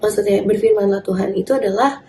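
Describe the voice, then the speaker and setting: A young woman, a children's church teacher giving a gentle, coaxing children's sermon. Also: mid-range voice, steady tone, fast talker, gravelly. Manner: gentle, coaxing, talks to kids as "adik-adik". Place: church room. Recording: echoey room with faint background noise.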